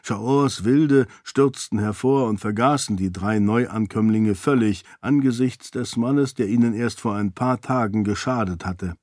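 A man reading audiobook narration in a measured, even storytelling manner. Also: lowish voice, no echo, studio quality.

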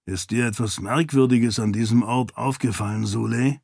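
A man voicing a calm, wry male companion who speaks in a slow, matter-of-fact way, in an audiobook. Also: medium pitch, creaky, slightly rough, dry recording, clean studio sound.

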